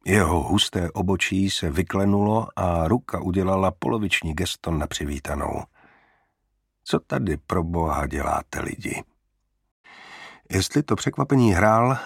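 A man narrating a first-person crime novel in a measured, wry way. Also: lowish voice, vocal fry, slightly rough, dry recording, studio quality. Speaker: audiobook narrator.

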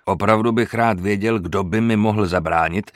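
Man reading a pompous, bragging Spanish count for an audiobook; low, slow, blustery; dry booth sound. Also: dry recording, lightly acted. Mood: scornful. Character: boastful pompous Spanish nobleman swordsman.

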